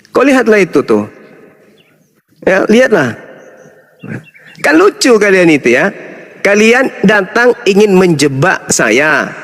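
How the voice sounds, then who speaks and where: A man's voice: a little high, fairly bright tone. A middle-aged man, delivering a heated, mocking rebuttal and scolding the people he addresses. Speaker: Islamic apologist speaker. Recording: long reverb hall.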